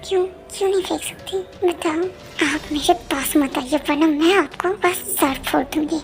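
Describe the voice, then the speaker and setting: A woman's voice: sits high, normal speed. A woman voicing an angry, jealous young woman who accuses her partner of abandoning her. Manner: accusing, sulky, fiery. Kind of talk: fan audio drama acting. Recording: music playing behind.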